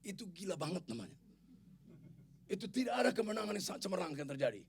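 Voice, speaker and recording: A middle-aged man preaching a sermon in a church, animated and joking, addressing the congregation directly. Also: high voice, fast, creaky, breathy edge. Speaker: pastor.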